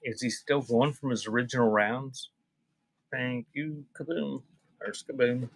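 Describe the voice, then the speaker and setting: In an unhurried, steady mid-range voice, this live auction seller keeps his casual stream going, drifting between calling out items and talking with viewers. The recording quality is low.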